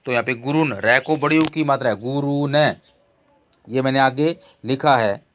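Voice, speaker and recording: A man teaching a class, slowly reciting word forms one by one. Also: medium pitch, a bit bright. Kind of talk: classroom lesson. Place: school classroom.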